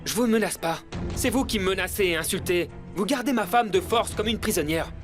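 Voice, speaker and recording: A man's voice: high voice, a little fast, music in the background, natural voice. A man playing a desperate pleading husband. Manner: pleading, insistent. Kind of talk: French TV drama dub.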